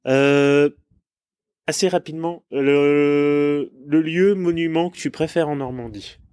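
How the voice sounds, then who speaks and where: A man's voice: on the high side, slow pace, a little mellow, clear, resonant tone, dry recording. A man hosting a casual interview, joking around and often repeating words while he gathers his thoughts. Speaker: interviewer, host.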